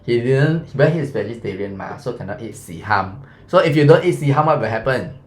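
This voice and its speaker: Brisk, with a mid-range voice and lively intonation, a Malaysian English-accented science teacher in his thirties chats through revision and quizzes his students, saying "lah" and "mah." The sound is roomy, with a little hiss or hum.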